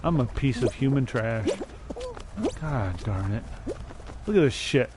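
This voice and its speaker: A man's voice: mid-range voice, expressive, unhurried, noisy background. A young man streaming a game, rambling and mocking himself, now and then breaking into silly made-up songs. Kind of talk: casual gaming stream chatter. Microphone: desk mic.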